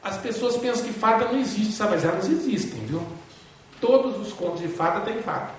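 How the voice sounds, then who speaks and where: A man's voice: sits high, animated, fairly quick, a little hiss or hum. A man giving a spiritist lecture, telling a story in a folksy way and checking in with listeners. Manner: folksy, asks listeners along with tag questions. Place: spiritist center hall. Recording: echoey hall from far off.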